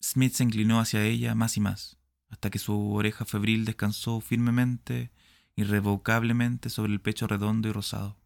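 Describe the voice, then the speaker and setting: A man narrating a short story in measured, dramatic storytelling. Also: fairly low pitch, flat delivery, creaky, no echo, clean studio sound. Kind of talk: audiobook narration.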